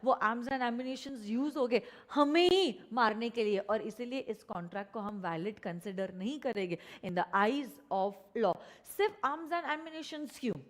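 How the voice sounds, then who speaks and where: Indian woman, law lecturer on a live class, slightly high voice, unhurried and emphatic, keeps asking students questions. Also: expressive. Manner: switches between Hindi and English, repeats key phrases slowly for emphasis; addresses students directly, asks them questions.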